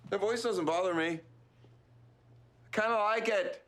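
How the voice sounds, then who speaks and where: An actor playing a cheerful, oblivious husband in a sitcom scene. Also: male voice, high voice, unhurried, fairly bright tone, slight background noise. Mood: upbeat. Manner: upbeat, oblivious. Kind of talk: sitcom acting.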